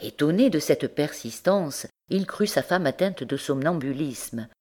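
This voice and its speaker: Low-voiced woman reading a story. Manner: measured, expressive storytelling. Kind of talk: audiobook narration.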